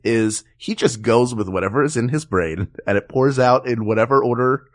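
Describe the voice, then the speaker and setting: A man's voice: medium pitch, normal speed. A man co-hosting a comedy podcast, talking casually with a joking, rambling manner and plenty of fillers. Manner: rambling, jokey, many fillers. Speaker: podcast co-host. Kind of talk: casual chat.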